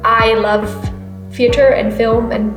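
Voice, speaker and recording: A woman's voice: fairly high pitch, little pitch movement, slow pace. A woman in her twenties, a theater student, answering interview questions in a thoughtful, plain way. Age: 20s. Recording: echoey room with music behind.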